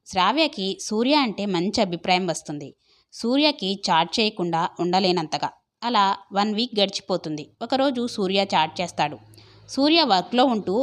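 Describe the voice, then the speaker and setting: A woman narrating a family love story in a calm, even storytelling manner. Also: mid-range voice. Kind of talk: scripted audio story narration.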